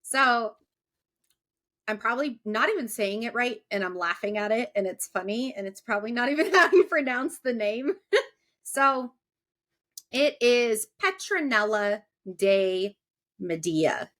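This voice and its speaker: Young woman podcast host, laughs a lot, kinda high voice. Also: animated, unhurried, a bit bright. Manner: giggly, chatty, laughs often. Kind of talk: casual podcast chat.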